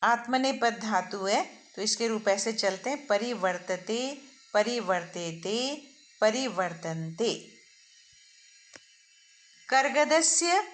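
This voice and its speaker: A woman's voice: mid-range voice, lively intonation, takes it slowly, pauses often. A woman teacher, explaining a school worksheet to children and stretching out each word as she spells it.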